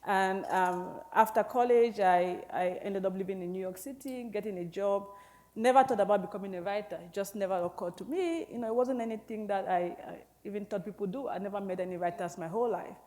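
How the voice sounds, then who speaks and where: A woman in her early forties from Cameroon, an author speaking thoughtfully on stage, often pausing with "you know". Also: mid-range voice, dark tone. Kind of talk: onstage conversation. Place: public library event hall.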